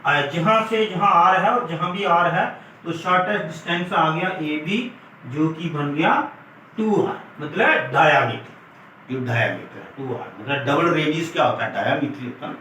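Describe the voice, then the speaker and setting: A man's voice: a little high, measured pace, bright, forceful tone. A man teaching physics in a classroom, explaining step by step and calling his students "beta". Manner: explains step by step, mixes English terms, calls students "beta". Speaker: physics lecturer. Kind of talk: classroom lesson at a board. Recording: echoey room from far off, faint noise.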